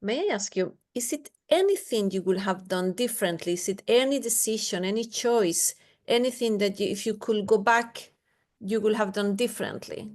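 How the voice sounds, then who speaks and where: A woman moderating a webinar, listening attentively and asking measured questions. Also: mid-range voice, darkish tone. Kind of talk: webinar interview.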